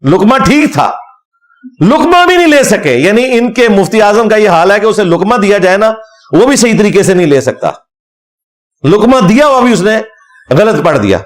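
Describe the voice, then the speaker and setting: A high-voiced man, an Islamic scholar, delivers a religious lecture with animated scorn, reciting Arabic verses as he goes.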